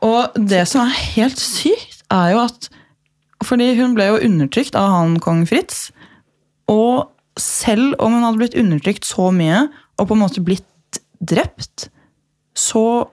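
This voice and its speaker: Excitable Norwegian woman chatting. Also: fairly high pitch. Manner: excitable, gushing, swears a lot. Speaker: podcast host. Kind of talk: casual chat.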